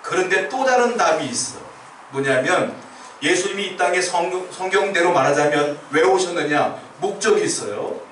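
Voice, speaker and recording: A man's voice: sits high, animated, normal speed, a bit bright, slight background noise. A male pastor preaching a sermon, explaining step by step and asking the congregation questions. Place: church sanctuary. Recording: roomy church sound from a distant mic.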